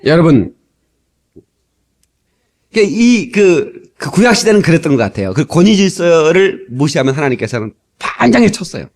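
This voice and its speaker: A middle-aged pastor with a slightly high voice preaches a storytelling sermon at a moderate pace on an old cassette tape. He is animated and acts out the people he quotes.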